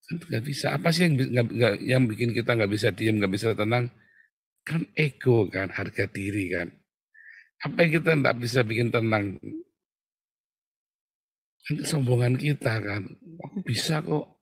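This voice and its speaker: Gravelly-voiced pastor, lively colloquial sermon. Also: male voice, moderate pace, pauses often, dry recording, clean studio sound. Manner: animated, jumps to loud high exclamations and acted quotes; colloquial, addresses listeners as Saudara.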